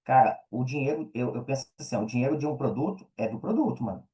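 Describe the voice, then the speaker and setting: In a low-quality recording, a man with a Brazilian accent speaks as a podcast guest in casual interview chat. His mid-range voice is warm, expressive and quick, and his informal talk is peppered with tags checking that the listener follows.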